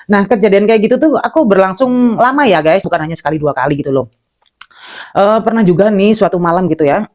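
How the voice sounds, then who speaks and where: Woman, middle-aged, from Indonesia, casual horror storytelling, quick pace, chatty, lots of fillers, talks to "guys". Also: mid-range voice, lively intonation, a little mellow, lo-fi sound. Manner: chatty, addresses listeners as "guys", many fillers.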